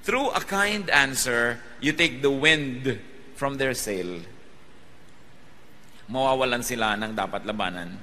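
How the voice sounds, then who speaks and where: A Filipino man preaching a sermon, moving between soft, slow asides and loud, fast emphatic bursts. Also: medium pitch, expressive. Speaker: pastor. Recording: long hall reverb with faint music behind.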